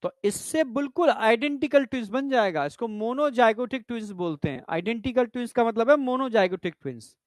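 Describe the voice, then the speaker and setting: Animated and a little fast, with hardly any pauses, this man's very high voice carries a step-by-step biology classroom lecture. He often checks comprehension and calls students "bhai" and "beta," captured with studio quality and no room sound.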